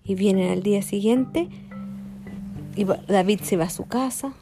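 A woman telling a children's story in an animated way, jumping into character voices. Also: mid-range voice, unhurried, over music.

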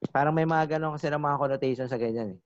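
Podcast co-host, male, slightly high voice, lively storyteller, muffled dry recording. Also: rapid-fire, no room sound. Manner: animated storyteller, laughs often. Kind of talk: casual drinking-session chat. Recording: dull, dry lo-fi audio.

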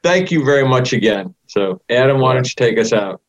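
A middle-aged or older man co-hosting a podcast in casual, halting talk that often repeats words. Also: mid-range voice, expressive, lo-fi sound. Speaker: podcast co-host. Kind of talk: casual interview chat.

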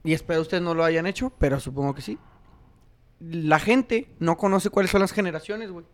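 A man's voice: a little high, a little fast. A young man with a Mexican accent hosting a casual chat, slangy and joking. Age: young adult. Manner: slangy, joking, reads viewer comments aloud. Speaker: host.

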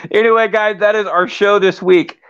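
A man's voice: sits high, steady tone, normal speed, fairly bright tone, clean tone, no room sound, dull audio. A man hosting a podcast in a casual, conversational way. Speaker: podcast host.

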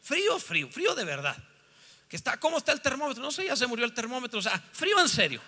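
A pastor, preaching a sermon that swings from joking asides to loud, fervent calls. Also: male voice, extremely high pitch, very animated, fast. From northern Mexico. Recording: long reverb of a church hall.

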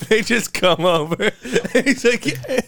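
A man's voice: sits high, sing-song, normal speed, a bit bright. A man hosting a podcast in casual chat, joking, laughing a lot and acting out funny voices. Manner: jokey, acts out funny voices, laughs often. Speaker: podcast host.

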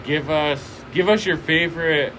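Halting man over air-conditioner hum. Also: fairly high pitch, sharp tone, rough recording. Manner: halting, many filler sounds. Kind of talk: casual chat.

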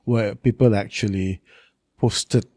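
Brief: man, 60s, from Brunei, guest, low husky gravelly voice, dry close sound, rambling storyteller. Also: steady tone, takes it slowly, mellow, no room sound. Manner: rambling, storytelling with laughs and restarts. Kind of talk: casual interview chat.

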